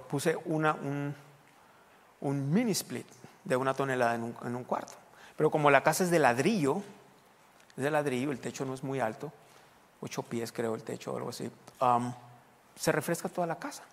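A man preaching a sermon, talking conversationally and then pushing into loud, emphatic bursts. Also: mid-range voice, normal speed, big-room sound. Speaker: pastor.

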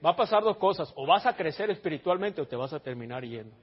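A man's voice: fairly high pitch, lively intonation, fast talker. A man preaching a blunt, teasing sermon in a church, calling out his congregation, in a dull lo-fi recording. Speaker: pastor.

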